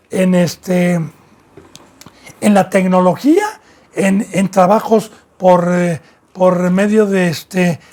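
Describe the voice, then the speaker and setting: This is a high-voiced pastor from Mexico giving an impassioned sermon, alternating loud and quiet passages and sometimes tripping over words.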